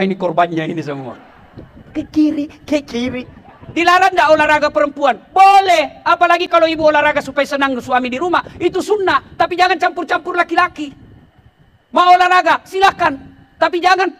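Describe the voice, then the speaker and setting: A middle-aged man preaching a humorous sermon to police officers, teasing the crowd and swinging from shouts to hushed warnings. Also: very high-pitched, brisk.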